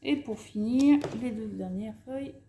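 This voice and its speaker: Woman vlogger, gravelly and warm voice, chatty and self-correcting, echoey room with faint hiss. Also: a little high, unhurried. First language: French. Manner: chatty, self-correcting, showing items one by one. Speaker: craft haul vlogger. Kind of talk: casual haul commentary.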